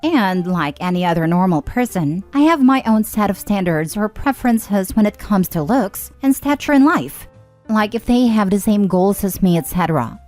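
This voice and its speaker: A woman narrating online forum stories and adding her own comments, reading expressively with frequent lifts in pitch. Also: animated, normal speed, darkish tone, faint music behind. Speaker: story narrator.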